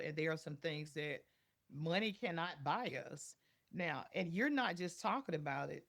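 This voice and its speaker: A podcast host asking calm, measured questions and affirming the guest. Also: mid-range voice, vocal fry. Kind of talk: interview questions.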